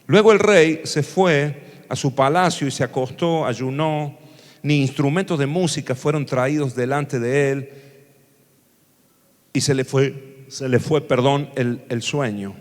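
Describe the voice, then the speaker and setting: A pastor with an Argentine accent from Córdoba, preaching a sermon in a church sanctuary and calling the congregation to answer amen. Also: male voice, medium pitch. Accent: Argentine Spanish, Córdoba. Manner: calls for amens from the congregation, reads scripture slowly. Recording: long church hall reverb.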